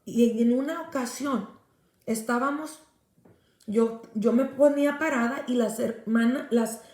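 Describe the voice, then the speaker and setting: A woman's voice: on the high side, unhurried, a little mellow. A woman pastor giving an earnest personal faith testimony, speaking directly to her listener. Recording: roomy echo.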